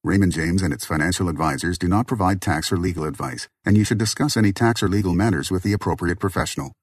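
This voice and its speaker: Low raspy guy reading out a legal disclaimer, formal and nonstop, really dry sound. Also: quick pace, no room sound. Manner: formal, unbroken reading of legal fine print. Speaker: disclaimer announcer. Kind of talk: scripted legal disclaimer read.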